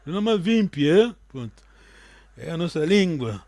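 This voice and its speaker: A man teaching a language class over a video call, with a fairly high voice and a dry, close sound. He explains words one by one and keeps checking that his students are following. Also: very animated, normal speed, a little mellow, no room sound. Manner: patient, checks understanding often. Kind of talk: online language lesson.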